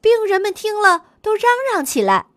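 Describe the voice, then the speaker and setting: A woman reading a children's story aloud in a slow, expressive way. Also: very high voice, no echo, clean studio sound.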